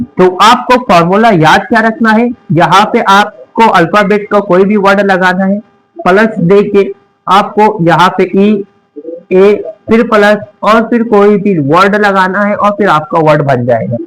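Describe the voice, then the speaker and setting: On a rough recording, a young man speaks in a high voice with a Hindi accent. He's an English teacher who turns each word into a question, then answers it.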